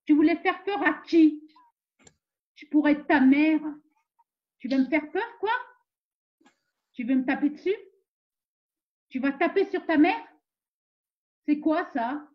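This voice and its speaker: A woman's voice: high-pitched, muffled recording. A woman playing a fierce, protective mother who gives orders and scolds a man in an amateur theatre web series. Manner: commanding, scolding, defiant.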